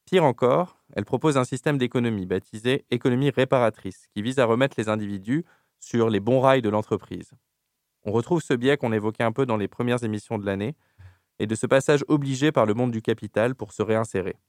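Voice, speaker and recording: A man reading a critical, argumentative column on a radio show in a measured way. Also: mid-range voice, darkish tone, dry recording, studio quality. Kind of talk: read political radio commentary.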